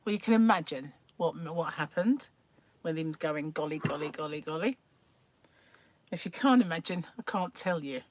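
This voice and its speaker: A woman's voice: on the low side, expressive, normal speed, darkish tone, a little hiss or hum. An older woman, hosting a live stream and telling family stories in a chatty way, laughing often between remarks. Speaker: livestream host. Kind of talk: casual anecdotal chat.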